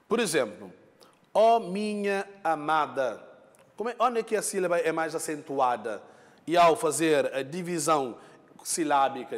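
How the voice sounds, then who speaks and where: A man's voice: a little high, long reverb tail. A male teacher giving a lesson, explaining patiently, repeating points, and checking in with his students. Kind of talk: classroom lesson.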